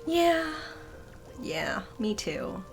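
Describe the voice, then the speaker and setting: A woman's voice: medium pitch, very animated, very slow, vocal fry, faint music behind. A woman in her twenties chatting casually while gaming, self-mocking, swearing and laughing often. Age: 20s. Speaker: streamer.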